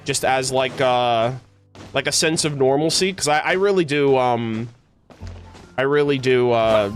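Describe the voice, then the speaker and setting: A medium-pitched, somewhat bright male voice belongs to a video game streamer who chats loosely with viewers, reminiscing and answering them while dropping "like" throughout. Music plays in the background.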